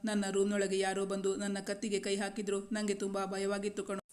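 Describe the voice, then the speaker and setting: A woman doing a frightened young woman, faint and pleading, monotone, storybook. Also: mid-range voice, a little fast, lightly acted.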